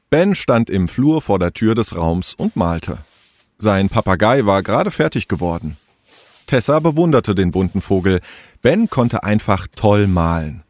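A man with a low voice reads a children's story aloud. His voice swings high and low, and the recording is dry and close with no room sound. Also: no room sound. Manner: lively storytelling, shifting voice for each character. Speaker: narrator.

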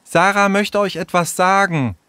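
A man's voice: high voice, very animated, fairly quick, no echo, pitched above the performer's own voice. A man voicing a kind, peacemaking girl in a storybook reading. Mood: eager.

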